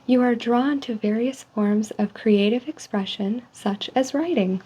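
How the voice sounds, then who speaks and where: A woman speaking softly in an ASMR role-play, reading survey statements in a polite, measured customer service manner. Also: a little high, slightly rough. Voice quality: soft, hushed. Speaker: ASMR role-player as call center agent giving a personality survey. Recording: dull lo-fi sound with faint noise.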